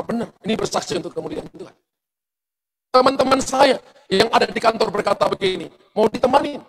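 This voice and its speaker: A middle-aged male pastor preaching a sermon in church, telling a story with lively testimony and speaking straight to the congregation. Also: sits high, slight background noise, low-quality recording. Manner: animated storytelling testimony, addressing the congregation directly.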